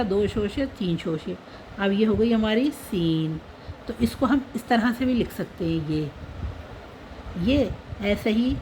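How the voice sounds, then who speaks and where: Slow, patient woman teaching script. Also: medium pitch, darkish tone, a little hiss or hum, rough recording. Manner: patient, repeats letter names while writing. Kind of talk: slow step-by-step writing lesson.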